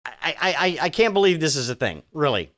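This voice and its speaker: A male podcast host tears through the week's news with sarcasm and casual profanity. He trips over himself, restarts sentences and lets his voice swing widely in pitch as he mocks each story. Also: sing-song, fairly quick, a bit bright. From Virginia. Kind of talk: sardonic news commentary podcast. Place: home studio.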